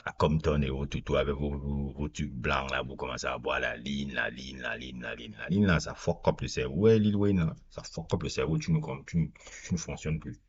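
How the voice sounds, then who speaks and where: A man with an extremely deep, husky voice rambles through his opinions as a reaction video host. He talks straight to his viewers in a loose, casual way, and the recording sounds dull and lo-fi. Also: steady tone, moderate pace, hardly any pauses.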